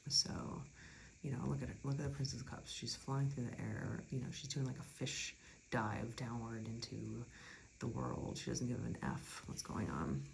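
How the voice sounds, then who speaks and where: Gravelly tarot reader, chatty and soft. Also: medium pitch, normal speed, a little hiss or hum, rough recording. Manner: chatty, reassuring, drifts into soft whispers. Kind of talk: casual tarot reading.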